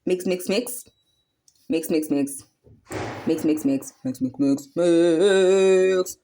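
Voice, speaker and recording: Low and dark, her South African-accented voice moves slowly over a slight hum of background noise. The young cooking vlogger chants playfully in a sing-song as she stirs, taking viewers through a recipe in a relaxed tutorial.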